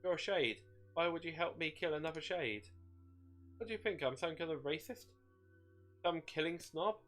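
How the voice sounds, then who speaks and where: A man's voice: fairly high pitch, lively intonation, normal speed, fairly bright tone, faint music behind, voice pushed up. A man voicing a gleeful, bloodthirsty demon shade, mocking and wheedling in folksy slang as in a dramatic story.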